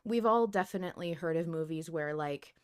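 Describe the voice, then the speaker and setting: In a relaxed fan-discussion podcast, the female host muses aloud and banters playfully. She talks briskly in a fairly low voice that is clear and resonant.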